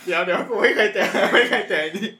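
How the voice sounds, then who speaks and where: A man's voice: high voice, fast, echoey room, background noise. A man in casual chat with friends, crude and joking, often protesting.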